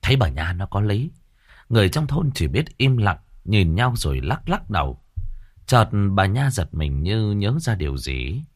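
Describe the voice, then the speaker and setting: A man narrating a ghost story in an expressive, suspenseful style. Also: on the low side, a little slow, dry recording, studio quality.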